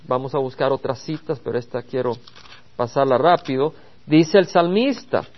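A man's voice: a little high, highs cut off. A man preaching a Bible study sermon, earnest and addressing the congregation with rhetorical questions. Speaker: pastor.

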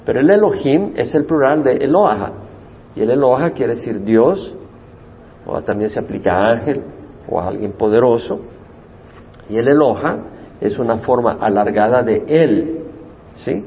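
A pastor teaching a Bible study, explaining the meanings of Hebrew words and repeating key terms for emphasis. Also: male voice, medium pitch, expressive, a little slow, long pauses, big-room sound, dull audio, a little hiss or hum. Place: church.

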